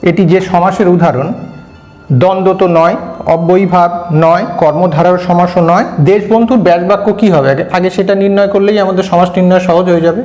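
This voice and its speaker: A man's voice: high voice, fairly even intonation, fast talker, darkish tone, faint music behind. A man from India teaching, patiently explaining exam answers and sounding out examples one by one.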